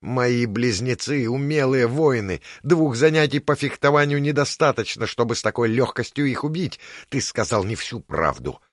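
A man's voice: mid-range voice, animated, normal speed, hardly any pauses, no echo, clean studio sound, pitched above the performer's own voice, natural voice. A man voicing a venomous captive witch who leads a coven, hissing and mocking as she talks. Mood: furious. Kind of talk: audiobook character voice.

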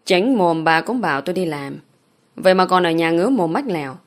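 Woman narrator doing a fierce young daughter, sharp and quick, lowish tone, audiobook. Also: lively intonation, natural voice. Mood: bitter.

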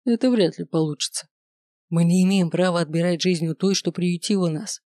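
A reader voicing a sardonic male demon who mutters and growls with mocking calm. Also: medium pitch, fairly quick, dry recording, studio quality, natural voice.

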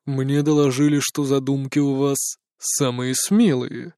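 A man reading an audiobook voices a stern middle-aged male chief of presidential security, slow, low and cold. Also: level tone, dark tone, clear, resonant tone, no echo, clean studio sound, lightly acted. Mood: menacing. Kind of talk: audiobook character voice.

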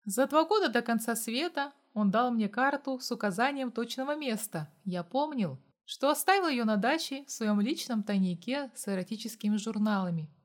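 A woman's voice: fairly high pitch, animated, moderate pace, few pauses. Woman narrating a survival audiobook. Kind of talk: first-person audiobook narration.

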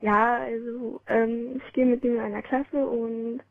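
Teen female caller, hesitant and soft, tinny phone line. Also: fairly high pitch, flat delivery, a little slow, vocal fry, dry recording. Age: teens. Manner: quiet, hesitant, short answers.

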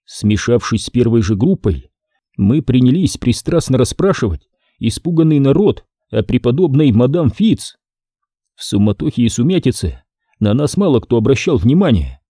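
A man reads a first-person detective story with wry, lively storytelling. His voice is dark and mellow and moves freely in pitch. The recording is close and dry. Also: normal speed, husky, no echo. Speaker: audiobook narrator. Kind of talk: scripted narration.

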